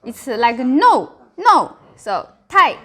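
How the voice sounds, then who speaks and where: A woman's voice: on the high side, animated, slow, a bit bright. A woman with a Chinese accent teaching beginners, practicing tones by demonstrating syllables and giving short prompts and corrections. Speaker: Mandarin Chinese language teacher.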